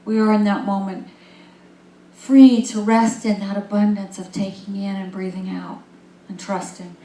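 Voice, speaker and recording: Calm woman minister in an echoey room. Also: medium pitch, unhurried, recorded from a distance. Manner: calm, gently guiding, then lively storytelling. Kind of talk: sermon.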